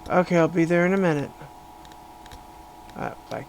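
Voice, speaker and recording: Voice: medium pitch, normal speed, gravelly, a little mellow. A podcaster thinking aloud while editing a story, muttering and correcting words as they go. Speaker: podcaster and writer. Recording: noisy room with constant hum.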